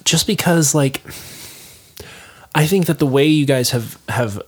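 A man's voice: on the high side, measured pace, slightly rough. Emphatic man hosting a podcast. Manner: emphatic, lays out his view at length. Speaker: podcast host, musician. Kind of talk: casual podcast chat.

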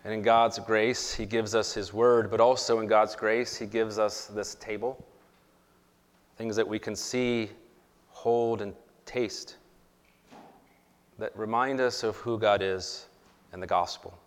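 A pastor leading an Easter communion liturgy, speaking in a measured, earnest way, with a long cathedral-like echo around his voice. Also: on the low side, steady tone, smooth. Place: church sanctuary. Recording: long reverb in a large church hall.

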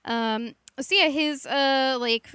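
A woman's voice: high voice, slow, pushed and bright, clean tone, no echo. A woman co-hosting a casual film podcast, chatting with many fillers. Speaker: podcast co-host.

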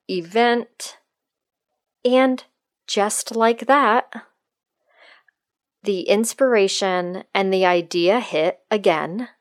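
A woman's voice: medium pitch, no echo, studio quality. A middle-aged woman hosting a solo podcast, speaking to listeners in an open, friendly manner. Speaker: podcast host and life coach.

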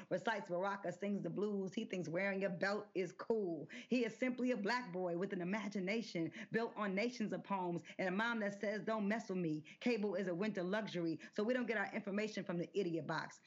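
A woman poet giving a rhythmic, deliberate spoken-word performance as a podcast guest. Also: mid-range voice. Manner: rhythmic, deliberate, incantatory delivery. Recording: dull lo-fi sound.

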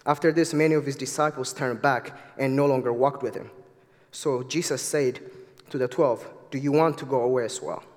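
A man's voice: medium pitch, moderate pace, long reverb tail. A man in his twenties from Ethiopia with an Ethiopian accent, preaching an earnest, eager sermon to a church congregation. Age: 20s. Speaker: guest preacher. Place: church sanctuary.

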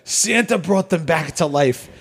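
A man's voice: on the high side, animated, measured pace, creaky, breathy edge. A man co-hosting a podcast, chatting casually, joking and laughing often. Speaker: podcast co-host. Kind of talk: casual chat.

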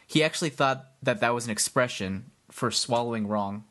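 A man's voice: medium pitch, normal speed, fairly bright tone. A man hosting a casual podcast chat, telling rambling stories and poking fun at himself. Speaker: podcast host.

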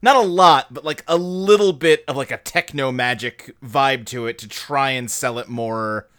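Male podcast co-host, animated and rambling, with a sharp, clean tone. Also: mid-range voice, normal speed. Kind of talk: casual movie discussion.

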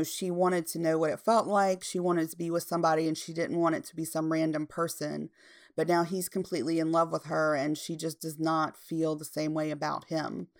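Low-voiced woman casually recapping. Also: clean tone. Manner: relaxed, retells scenes with frequent fillers. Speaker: TV episode recapper.

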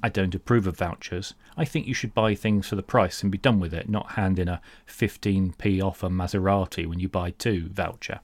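Low-voiced British man, mock-pompous and exasperated. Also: steady tone, normal speed, few pauses, dry recording. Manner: mock-pompous, grandiose phrasing; exasperated, sarcastic. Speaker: humorous monologue host. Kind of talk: comedic rant monologue.

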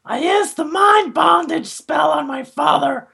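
A woman voicing a melodramatic teenage girl in a comic dramatic reading, often shouting. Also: high-pitched, measured pace, creaky, full character voice. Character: overwrought teen girl gamer, melodramatic.

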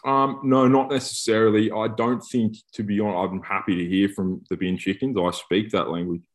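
Blokey man with a lowish voice. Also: fairly even intonation, moderate pace. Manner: blokey, joking, slangy. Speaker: podcast co-host, rugby player turned coach. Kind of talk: casual podcast chat.

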